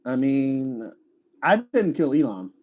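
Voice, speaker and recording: A man's voice: mid-range voice, very animated, slow, darkish tone. An actor playing a laid-back young male video streamer in a student audio drama, talking in casual slang.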